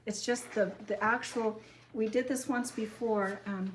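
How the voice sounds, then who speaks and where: A woman's voice: a little high, steady tone, a little slow. A woman leading a Bible class, giving casual, loosely worded instructions and rephrasing as she goes. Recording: roomy echo with faint room noise.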